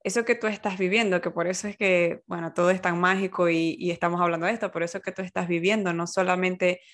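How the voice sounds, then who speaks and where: A woman with a slightly low voice talks in an easygoing conversation. She thinks as she goes, pausing on fillers to find her words. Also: steady tone, a bit bright. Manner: thoughtful, searches for words with fillers. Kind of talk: casual conversational chat. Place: working from home.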